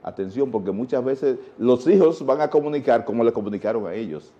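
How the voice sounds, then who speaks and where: A Dominican man speaks as a guest teacher in a TV interview. His voice is mellow and dark, and the sound is dull and lo-fi. He lectures patiently and poses rhetorical questions. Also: medium pitch, expressive, brisk. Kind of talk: TV interview, explaining.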